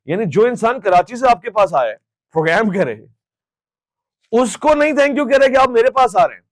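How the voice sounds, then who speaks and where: A man's voice: high voice, no echo. A Pakistani man hosting a public Q&A, answering with impassioned, scolding conviction and slipping into English phrases. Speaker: host.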